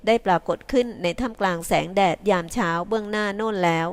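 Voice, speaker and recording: A woman reading an audiobook novel aloud at a steady, even pace. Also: medium pitch, fast. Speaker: audiobook reader. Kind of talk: scripted audiobook narration.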